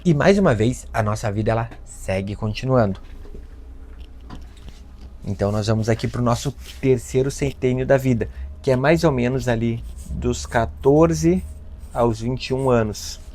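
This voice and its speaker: A Brazilian man giving a self-help talk, animated, acting out parents and children in his stories. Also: medium pitch, normal speed. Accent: Brazilian Portuguese. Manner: lively storyteller, acts out voices of children and parents. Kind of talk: lecture with acted anecdotes.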